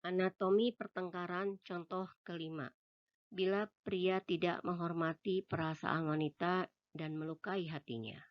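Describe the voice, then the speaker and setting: A woman reading a self-help book aloud in a steady manner, giving voice to the quoted lines of dialogue. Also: on the low side, muffled recording. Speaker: book reader.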